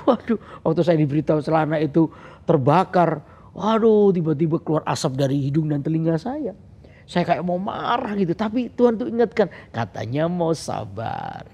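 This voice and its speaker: Male pastor, gravelly and fairly high, animated humorous preaching. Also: fairly quick, muffled recording. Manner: storytelling, animated, laughing at himself. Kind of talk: sermon with humorous personal story.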